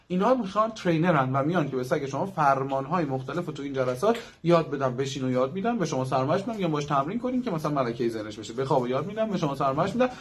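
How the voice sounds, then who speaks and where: A man's voice: mid-range voice, slightly rough. A young man working as a dog trainer, giving a chatty instructional talk that runs through examples in long lists.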